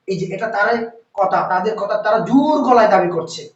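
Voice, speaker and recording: A woman's voice: medium pitch, expressive. Woman teaching in a roomy hall. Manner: repeats Arabic words slowly, asks students questions. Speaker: Quran teacher. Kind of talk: classroom lecture on Arabic grammar. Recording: roomy, dull, distant mic.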